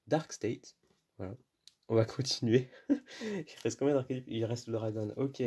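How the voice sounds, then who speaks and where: A man's voice: medium pitch, dark tone. A man casually commenting on a card game unboxing, chatty and self-deprecating with frequent fillers and laughs. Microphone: camera mic, moving around.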